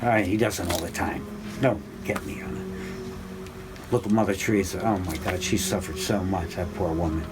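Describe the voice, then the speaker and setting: A man in his sixties giving an informal spiritual class, rambling and conversational with many fillers and restarts, climbing to a high, animated pitch when excited. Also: normal speed, over music, rough recording. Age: 60s. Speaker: spiritual teacher. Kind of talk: informal religious class talk.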